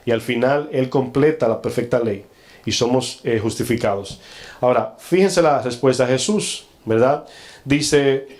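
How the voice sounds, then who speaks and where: A man's voice: medium pitch, measured pace, darkish tone. A male pastor preaching a sermon to a congregation. He often asks the listeners questions and acts out quoted lines in a changed voice.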